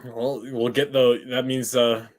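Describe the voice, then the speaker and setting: A man's voice: medium pitch, little pitch movement, unhurried, a little hiss or hum. A man hosting an online interview, prompting his guest in a loose way full of fillers. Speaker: host.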